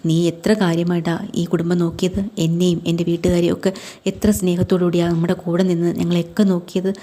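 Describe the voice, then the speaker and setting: A woman's voice: lowish voice, completely flat delivery, quick pace, mellow, lightly acted. A woman voicing a stern, wounded husband who feels betrayed, reading his lines in her own voice.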